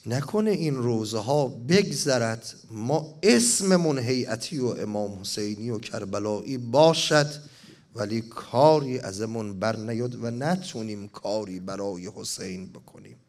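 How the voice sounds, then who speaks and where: A man's voice: medium pitch, animated, a little mellow. Impassioned man chanting a mourning sermon. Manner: chanting, rising to impassioned cries. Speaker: preacher reciting a mourning elegy. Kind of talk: mourning sermon with recited elegy.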